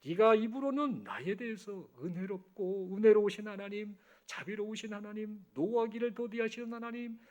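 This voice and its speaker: A man's voice: high-pitched, darkish tone, muffled recording. A man acting out God as a stern, fatherly figure who scolds with care. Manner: slow, scolding, fatherly rebuke. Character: stern fatherly God, reproachful yet caring, older man.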